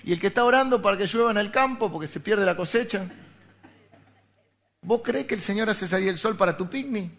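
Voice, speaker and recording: Rioplatense pastor preaching conversationally. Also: male voice, high voice, brisk, a bit bright. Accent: Rioplatense Spanish. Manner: conversational preaching with rhetorical questions. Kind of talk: sermon. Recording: dull lo-fi recording.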